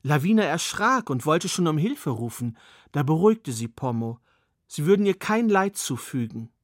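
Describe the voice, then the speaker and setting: A man's voice: fairly high pitch, sing-song, normal speed, dry recording, studio quality. A man telling a fairy tale in a personal storytelling manner with occasional asides.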